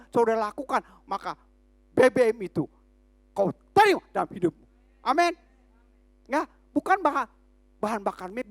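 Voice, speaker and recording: High-voiced Indonesian woman preaching a sermon. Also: no echo. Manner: emphatic, swings from shouts to hushed slow lines.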